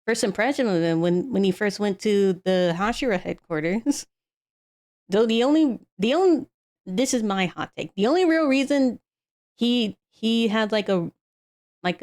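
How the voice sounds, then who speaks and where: A woman chats casually as a streamer reacting on air. Her mid-pitched voice moves haltingly, doubling back on phrases as she works out each opinion. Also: lively intonation, darkish tone. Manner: halting, repeats and restarts phrases while giving opinions.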